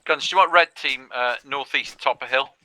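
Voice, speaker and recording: A man leading a red team in a military sim game, speaking over a helmet radio in brisk, clipped radio procedure with call signs. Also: medium pitch, sharp tone, poor audio.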